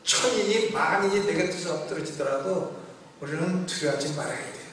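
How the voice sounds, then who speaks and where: An older man as a pastor, preaching a lively sermon and acting out Satan's taunts while asking the congregation to answer. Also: fairly high pitch, a little fast, slight background noise. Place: church sanctuary. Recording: echoey church hall from far off.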